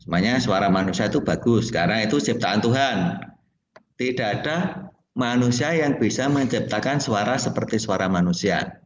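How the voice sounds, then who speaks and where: A man's voice: on the low side, slight background noise. A male music teacher from Indonesia giving a classroom lesson, explaining plainly, sometimes singing solfège notes and asking the class questions. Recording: dull echoey classroom recording.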